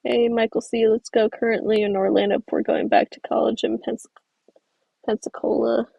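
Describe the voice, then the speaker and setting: On the high side yet gravelly, dark and husky, this young woman's voice comes across flat and at a moderate pace, with no room sound. She's a stop-motion creator from the American South, casually chatting on a livestream and reading out viewer comments. Her talk rambles warmly, with many fillers and ready laughter.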